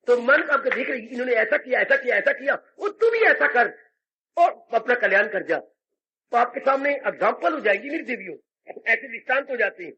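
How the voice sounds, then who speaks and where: A very high, bright-voiced man preaching a scripture discourse with animated repetition, his voice husky and edged. The sound is dull and lo-fi, like a 1990s tape. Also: brisk. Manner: animated, repetitive, acts out dialogue. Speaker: swami giving a discourse. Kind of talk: scripture sermon with acted stories.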